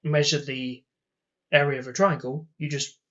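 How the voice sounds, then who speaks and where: A man's voice: mid-range voice, flat delivery, normal speed, fairly bright tone, dull audio. A young man casually telling rambling personal stories, acting out the lines of the people in them. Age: young adult. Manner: rambling, acts out quoted dialogue. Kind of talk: casual storytelling.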